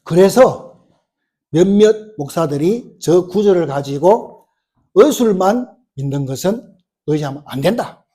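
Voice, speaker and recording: A man preaching in a church with a high, husky voice. His tone is dark and mellow. He tells the story with lively questions to the congregation and acts out each quoted line. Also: a little slow. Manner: storytelling with rhetorical questions, acting out quoted lines. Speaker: pastor. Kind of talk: sermon. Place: church sanctuary.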